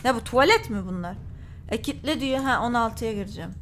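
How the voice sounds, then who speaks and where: A woman's voice: fairly high pitch, animated, fast, slight background noise. A woman hosting a gaming channel, giving jumpy, frightened commentary on a horror game and reading its notes aloud to viewers.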